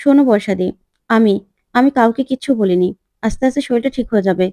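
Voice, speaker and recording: A woman's voice: on the high side, quick pace, warm tone, dry recording, studio quality, close to an everyday voice. A woman voicing a weary, unwell young bride-to-be in a retold TV serial, tired and defensive.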